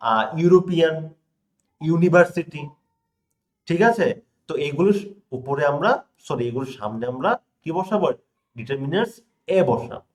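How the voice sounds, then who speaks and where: A young man from India teaching an English grammar lesson, stressing key words, reading example sentences slowly and often asking his students if they follow. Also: on the high side, darkish tone. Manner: checks in often with rhetorical questions to students. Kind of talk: classroom lesson explaining examples.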